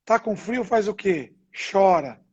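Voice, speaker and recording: A man's voice: high-pitched, lively intonation, takes it slowly, mellow, husky, lo-fi sound. A Brazilian man, a father and guest, explaining earnestly with everyday examples in a casual chat. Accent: Brazilian Portuguese. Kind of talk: casual video-call chat.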